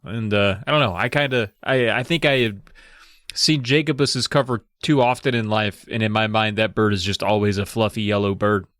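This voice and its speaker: A man with a lowish, slightly bright voice speaks at normal speed in a dry recording. As a podcast co-host, he chats casually about book covers, critiquing them in a musing, hesitant way with dry humor.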